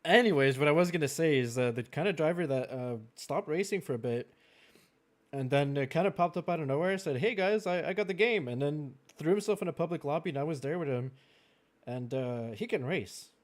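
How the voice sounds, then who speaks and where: A man with a French Canadian accent hosting a racing league draft, chatty and quick to laugh, with plenty of fillers. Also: on the high side, expressive. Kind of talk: live-streamed draft commentary.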